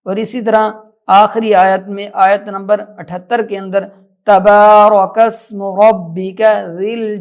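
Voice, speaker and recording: A Quran reading teacher giving a calm, patient pronunciation lesson, stretching recited words slowly and repeating them to correct common mistakes. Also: mid-range voice.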